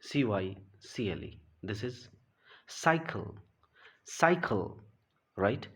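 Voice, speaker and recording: A man gives an unhurried pronunciation lesson in a low, husky voice. He spells out each word letter by letter, says it twice, and checks in with "right?" before going on. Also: animated. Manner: spells words letter by letter and repeats them, asks "right?". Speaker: English pronunciation teacher. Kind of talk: classroom lesson, explaining rules slowly.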